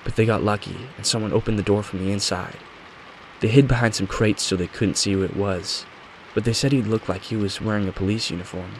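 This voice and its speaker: A man with a lowish voice speaks a little quickly and naturally, voicing a determined young woman who matter-of-factly recounts her brothers' investigation in a scripted mystery audio story. The recording is rough, with steady rain audible behind him.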